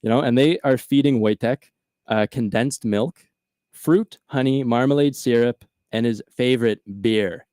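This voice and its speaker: A man hosting a podcast, telling a story in casual chat, animated and full of "uh" and "like". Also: medium pitch, a little slow, clean tone, no echo, clean studio sound. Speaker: podcast host.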